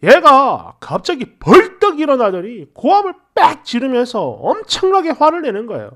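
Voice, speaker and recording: A man's voice: very high-pitched, huge pitch swings, moderate pace, fairly bright tone. A young man narrating a story in a chatty, exasperated way.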